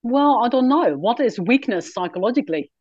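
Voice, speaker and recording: A woman's voice: fairly high pitch, animated, a little fast, a little mellow, husky, no echo, lo-fi sound. A Dutch woman in her forties with a Dutch accent, a guest speaking candidly in an interview and laughing easily. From Netherlands. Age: 40s. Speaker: guest, author and traveler. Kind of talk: conversational interview.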